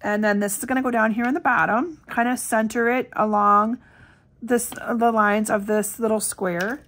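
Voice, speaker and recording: A woman's voice: a little high, fairly even intonation, moderate pace, a bit bright. A middle-aged woman demonstrating card making in a casual, chatty tutorial, her voice still scratchy with a lingering cough. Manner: chatty and upbeat, addressing viewers directly.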